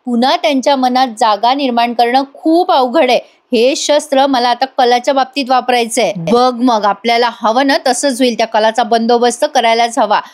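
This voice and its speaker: A woman's voice: fairly high pitch, normal speed, hardly any pauses, lightly acted. A woman voicing a cunning, spiteful middle-aged mother who gloats over her plots. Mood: scheming. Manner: gloating, plotting.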